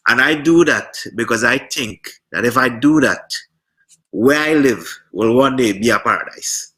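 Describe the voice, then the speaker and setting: Earnest Trinidadian man with bright voice. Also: mid-range voice. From Trinidad and Tobago. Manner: earnest, heartfelt, slightly halting. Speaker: guest. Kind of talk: casual political chat.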